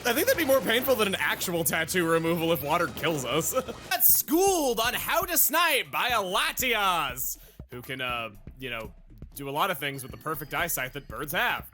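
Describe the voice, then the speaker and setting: A man commentating a video game, excitable, swinging from mumbled asides to loud shouts. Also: sits high, normal speed. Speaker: let's play commentator. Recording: game music behind the voice. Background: game music.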